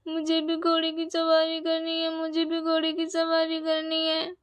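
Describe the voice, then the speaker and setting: A woman voicing a small excited boy who keeps pleading for a horse ride in a doll story. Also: extremely high pitch, measured pace, voice pushed up. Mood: whining. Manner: whiny, pleading. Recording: dull lo-fi recording.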